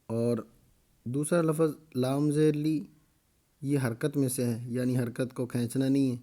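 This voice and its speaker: A man teaching Quran reading, slowly spelling out each letter and vowel, then briskly explaining the rules. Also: medium pitch, steady tone, dark tone. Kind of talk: slow spelling-out recitation lesson.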